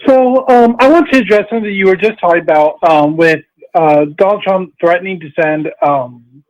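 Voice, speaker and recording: A man's voice: high-pitched, moderate pace. Earnest male caller, muffled phone line. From outside the US. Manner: earnest, hesitant with many fillers.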